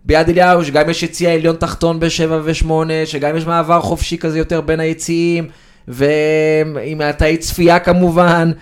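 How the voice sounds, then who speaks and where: A man co-hosting a sports podcast, chatting casually and wandering from point to point with plenty of fillers. His voice sits a little higher than most men's. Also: little pitch movement, clean tone. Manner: conversational, digressive, with frequent fillers. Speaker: sports journalist, podcast co-host.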